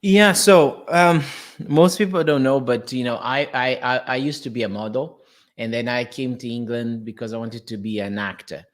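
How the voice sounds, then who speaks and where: A young man from Portugal with a Portuguese accent, talking as an interview guest in a fast, self-correcting way with frequent restarts. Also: medium pitch. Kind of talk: casual interview.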